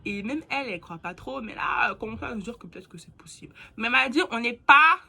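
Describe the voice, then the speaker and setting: A young woman telling a personal story in a casual, slangy, animated way, dropping to a hushed voice for asides. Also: quick pace, creaky, breathy edge. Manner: chatty, animated, slangy, with bursts of squeaky laughter and hushed asides. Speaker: vlogger.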